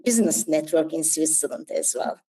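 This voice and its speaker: A woman's voice: deep voice, fairly quick, warm tone, low-quality recording. A woman in her forties from Turkey with a Turkish accent, a guest telling her story candidly and reflectively in an interview, with small slips in her English. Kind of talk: interview conversation.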